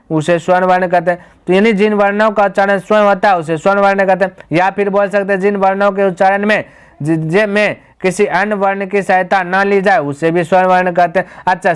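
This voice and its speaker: Clear and resonant, this high male voice belongs to a grammar teacher. He breaks the lesson down step by step, answers his own rhetorical questions to the students, and refers to them as "my brother."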